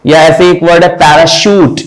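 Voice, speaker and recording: A man teaching English pronunciation in Hindi, slowly repeating each word to drill the sounds. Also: fairly high pitch, steady tone, rough recording.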